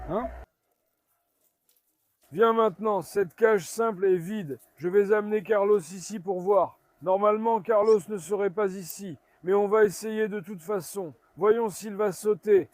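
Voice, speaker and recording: A man filming a casual vlog at his farm, coaxing and calming his dogs while chatting to viewers. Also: high-pitched. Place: farmyard outdoors.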